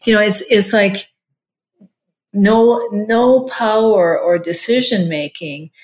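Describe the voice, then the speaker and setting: A woman's voice: medium pitch, slow. A woman in her sixties, a marriage and family therapist, talking casually in an interview and often using "like" as a filler. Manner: chatty, warm-hearted, many "like" fillers.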